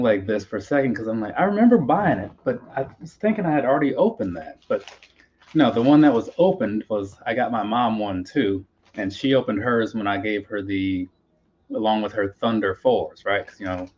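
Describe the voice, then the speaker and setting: On a live stream, a man who collects things opens his purchases and rambles casually to himself in a mid-range voice with a darkish tone. Faint pop punk plays in the background, and the lo-fi sound is slightly dull with a bit of noise.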